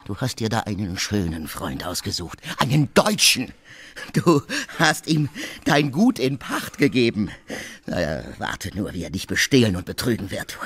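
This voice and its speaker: An actor playing a coarse, bullying middle-aged swindler in a radio play, husky and blustering. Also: male voice, lowish voice, sing-song, moderate pace, fairly bright tone, full character voice. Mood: scornful.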